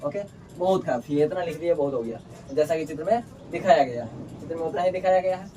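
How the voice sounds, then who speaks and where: A man's voice: on the high side, fast, mellow. A man teaching a board-exam lesson, asking questions and answering them himself and calling students "babu". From Bihar. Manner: colloquial, calls students "babu". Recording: distant mic with faint background noise.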